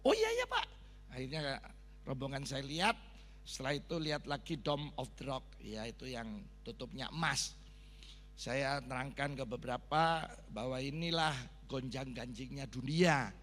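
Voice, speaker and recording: A middle-aged man with a Javanese accent, a pastor telling a sermon story with animated sound effects and Javanese asides. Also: medium pitch, moderate pace. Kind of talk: sermon testimony. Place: large church hall. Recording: long reverb of a church hall.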